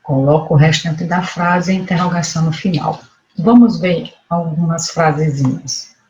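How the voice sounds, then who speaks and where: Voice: mid-range voice, normal speed, darkish tone. A teacher with a Brazilian Portuguese accent gives a remote lesson, patiently repeating points and correcting themself as they go. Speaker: English teacher. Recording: echoey room, dull lo-fi sound, faint noise.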